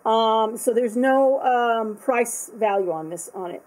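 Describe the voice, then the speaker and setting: A woman's voice: fairly high pitch, slow, darkish tone, rough recording. Chatty woman rambling through an unboxing. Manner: rambling, thinks aloud with many fillers and restarts. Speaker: art supply unboxing vlogger. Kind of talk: casual unboxing chat.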